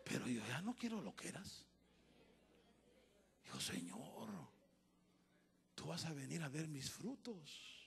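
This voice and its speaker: A man preaching a sermon as a pastor, swinging between loud shouted lines and hushed asides, with a Central American Spanish accent. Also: fairly high pitch, huge pitch swings, takes it slowly, creaky, long pauses, slight background noise.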